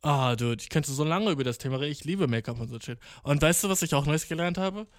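Young guy, casual vlog rant, slang-heavy, ironic, a bit higher voice, dry close mic. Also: expressive, quick pace, dry recording. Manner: slangy, ironic, rambling, mixes English words. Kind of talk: casual monologue to camera.

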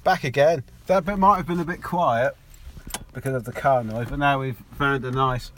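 A man's voice: mid-range voice, normal speed. A young man co-hosting a casual podcast from inside a parked car, joking and laughing as he talks. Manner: animated, joking, laughs often. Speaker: podcast co-host. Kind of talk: casual banter. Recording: car interior with road noise.

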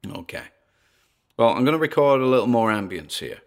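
In an audio drama, an actor plays a nervous, driven paranormal investigator recording himself alone. He addresses his listeners haltingly, his voice gravelly, apprehensive, mid-range, and very animated.

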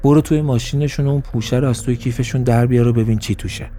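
A man's voice: mid-range voice, steady tone, slight background noise, lightly acted. A man doing a wary armed villager. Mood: suspicious. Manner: harsh demanding shouts.

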